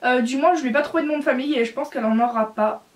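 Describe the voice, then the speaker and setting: A woman's voice: sits high, rapid-fire. A woman from France chatting casually in a vlog about her doll collection, rambling with frequent hesitations and apologies.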